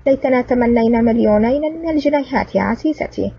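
A woman's voice: medium pitch, animated, racing, vocal fry, slight background noise. A woman doing a coolly sarcastic male hero. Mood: cool sarcasm. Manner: cold, mocking sarcasm. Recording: distant, dull lo-fi recording.

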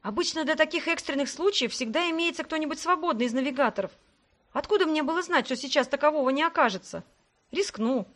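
A woman's voice: sits high, expressive, fast, fairly bright tone, voice pushed up. A woman voicing a daring young female racer who talks lightly and bravely in an audiobook. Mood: tense.

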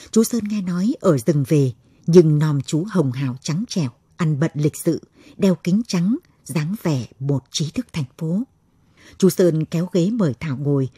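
Husky, low-voiced woman storyteller. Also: dark tone, no echo, studio quality. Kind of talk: scripted story narration.

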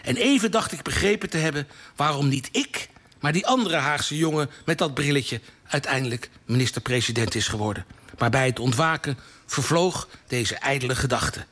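A man's voice: mid-range voice, moderate pace. Een man van in de vijftig uit Nederland die op een levendige, theatrale manier een kerstverhaal voorleest. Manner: animated, theatrical reading with lively voiced dialogue. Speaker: columnist reading a Christmas story. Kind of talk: scripted storytelling read aloud. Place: live radio broadcast from a hall.

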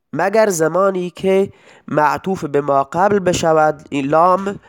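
A middle-aged man teaching grammar in a recorded lecture, explaining step by step and repeating example phrases slowly. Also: fairly high pitch. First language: Persian.

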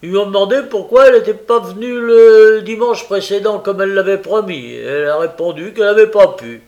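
A man's voice: high-pitched, brisk, a little mellow, lo-fi sound, pitched above the performer's own voice. A man reading aloud and voicing a sly, lazy young male informer who drawls and hesitates. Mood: smug drawl. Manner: drawling, hesitant, rustic speech.

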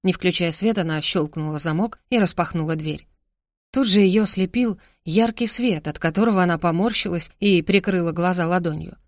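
A woman narrating a novel as an audiobook in a steady, expressive storytelling manner. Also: lowish voice, normal speed, no room sound, studio quality.

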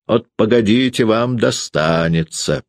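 A man's voice: medium pitch, measured pace, no room sound, clean studio sound, pitched above the performer's own voice, natural voice. A man voicing a sullen, spiteful middle-aged male schoolteacher who needles and pries. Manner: needling, malicious, prying.

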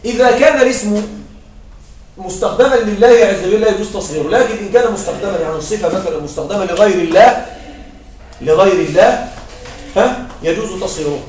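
High-voiced man teaching in an echoey room. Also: fast talker, a little mellow, a little hiss or hum. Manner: repeats points and checks understanding with short questions. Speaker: Arabic grammar teacher. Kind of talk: classroom lecture. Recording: echoey room, mic far off.

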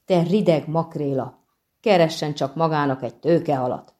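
An arrogant young prince, quick to shout and hurl insults, as a woman reader voices him. The storybook voice sits low and dark. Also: close to an everyday voice. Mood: angry. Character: hot-tempered arrogant young male prince. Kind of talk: audiobook reading.

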